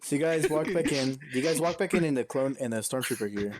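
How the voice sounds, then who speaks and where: A man runs a tabletop game for his friends, narrating in an easygoing, unpolished way. His pitch sits in the middle and he fills his pauses with ums and uhs. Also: crowd noise. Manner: relaxed, loose narration full of ums. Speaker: game master.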